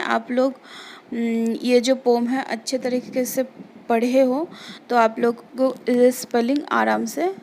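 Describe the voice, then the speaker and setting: A woman teacher walks children through English vocabulary, spelling each word letter by letter. Her voice sits high and her delivery is very slow and deliberate. A faint hiss of background noise runs under the recording. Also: gravelly. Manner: slow, spells words letter by letter and explains meanings. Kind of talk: remote English lesson for children.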